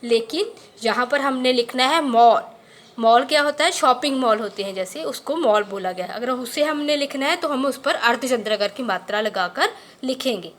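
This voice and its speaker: A woman teaching a grammar lesson, patiently explaining and slowly repeating the key points. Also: high voice, animated, a bit bright.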